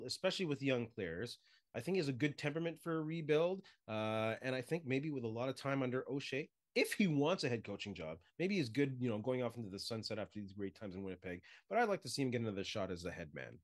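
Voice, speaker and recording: A man co-hosting a casual sports podcast, bluntly firing quick questions at his partner. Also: mid-range voice, expressive. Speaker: podcast co-host.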